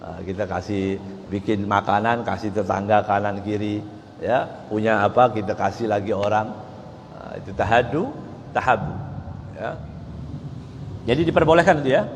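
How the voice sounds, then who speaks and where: A man's voice: lowish voice, moderate pace, long pauses, slight background noise. A man giving a casual religious study lecture, chatty and conversational, often acting out little dialogues and checking in with "ya". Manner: conversational, acts out quoted dialogue, frequent "ya". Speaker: religious teacher. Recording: echoey hall with faint ambience.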